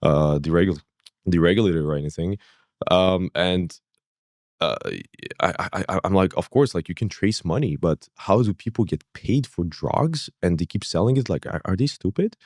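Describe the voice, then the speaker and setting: Deep-voiced guy in his 30s, born in kazakhstan, rambling guest story, dry close mic. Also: lively intonation, moderate pace, darkish tone, dry recording. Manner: rambling, fillers, acts out his own past thoughts. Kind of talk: casual interview.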